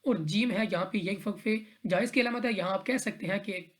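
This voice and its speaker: A woman's voice: medium pitch, fairly quick. A woman teaching tajweed, explaining recitation rules one letter at a time in a patient, repetitive way. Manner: patient, step-by-step, repeats rules and checks in with "theek hai".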